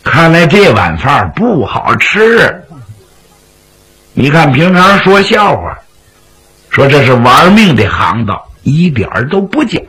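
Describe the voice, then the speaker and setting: Male storyteller, dramatic traditional narration, slow and gravelly. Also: a little high, bright, forceful tone, poor audio. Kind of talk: traditional Chinese pingshu storytelling.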